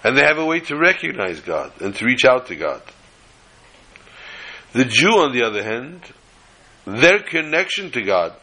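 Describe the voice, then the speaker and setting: A man with gives a religious lecture as a rabbi, reading and explaining texts deliberately and repeating phrases for emphasis. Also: medium pitch, pushed and bright, poor audio. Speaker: rabbi giving a Torah lesson.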